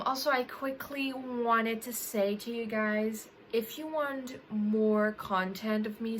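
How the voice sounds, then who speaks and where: A woman's voice: on the high side, fairly bright tone, a little hiss or hum, rough recording. A young woman chatting casually to camera as a book vlogger, rambling and correcting herself often. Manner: rambling, with frequent self-corrections and fillers.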